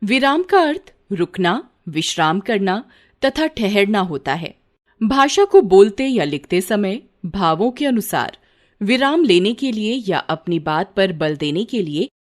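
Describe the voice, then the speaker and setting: A woman reading a school grammar lesson aloud in a measured way, voicing the examples with varied intonation. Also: mid-range voice.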